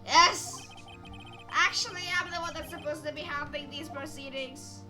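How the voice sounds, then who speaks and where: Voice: high-pitched, steady tone, normal speed, bright, forceful tone, faint music behind. A player doing a meek old judge. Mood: hesitant. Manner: meek, hesitant. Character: timid old male judge.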